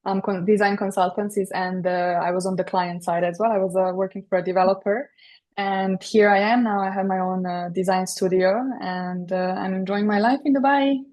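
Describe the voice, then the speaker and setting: Serbian-accented woman, flat-voiced and hesitant. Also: medium pitch, moderate pace. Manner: hesitant, many fillers and restarts. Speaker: guest, interior designer. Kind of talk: podcast interview.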